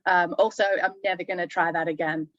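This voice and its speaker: A woman's voice: fairly low pitch, fairly even intonation, brisk, fairly bright tone, dry recording, dull audio. A woman hosting a casual chat, telling stories in a chatty way and laughing often. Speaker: podcast host.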